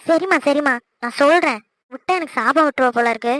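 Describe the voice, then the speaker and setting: A woman's voice: sits high, fairly bright tone, dry recording. A woman voicing cheeky daughter Kaviya. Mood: exasperated. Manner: quick, pleading, exasperated. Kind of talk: cartoon voice acting.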